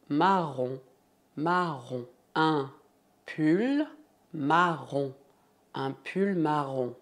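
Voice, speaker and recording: A woman teaching French in a lesson, saying each word twice and slowly drilling repeat-after-me examples. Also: low voice, darkish tone.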